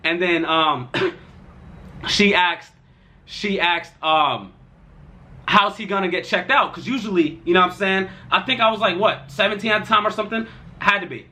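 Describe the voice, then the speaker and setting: High, bright-voiced young man telling a story. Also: normal speed. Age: young adult. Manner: rambling, loose slang-filled delivery. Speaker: storytime vlogger. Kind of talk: casual storytime.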